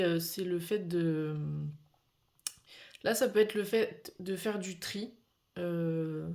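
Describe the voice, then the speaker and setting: A French woman giving a casual weekly card reading, pausing often with fillers and restarts. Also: lowish voice, a little mellow. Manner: hesitant, many fillers and restarts. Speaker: tarot card reader.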